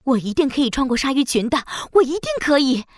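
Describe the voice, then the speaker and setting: A woman voicing a brave, frantic mermaid mother in a children's audio story, speaking high and urgent. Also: big pitch swings, fast talker, no echo, studio quality. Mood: determined.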